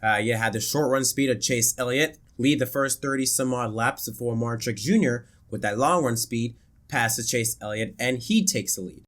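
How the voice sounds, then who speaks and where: Brief: male YouTuber, stuffy and worn-out voice, rambling race recap, mid pitch. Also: moderate pace, fairly bright tone. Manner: chatty, many fillers and restarts. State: congested, voice worn from illness. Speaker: racing commentary YouTuber. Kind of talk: casual race review.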